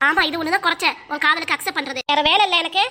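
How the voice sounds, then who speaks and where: A woman voicing an angry middle-aged mother who scolds her daughter in a sharp, nagging, sarcastic way, with a Kanyakumari Tamil accent. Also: very high voice, rapid-fire, background noise. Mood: scolding.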